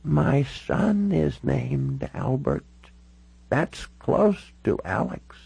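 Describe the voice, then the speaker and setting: A man voicing a frail, confused 96-year-old Canadian woman in an audiobook, speaking in a slow, wandering, quavering way. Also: mid-range voice, big pitch swings, creaky, dark tone, husky, no echo, voice pushed up, full character voice. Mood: confused, gentle. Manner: drawn-out, wandering speech. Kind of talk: audiobook character voice.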